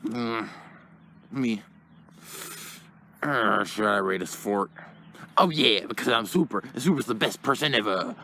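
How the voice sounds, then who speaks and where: A man's voice: fairly low pitch, lively intonation, measured pace, pauses often, pushed and bright, slight background noise, full character voice. A man voicing a boastful, mischievous plush toy who giggles to himself. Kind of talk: plush toy puppet skit.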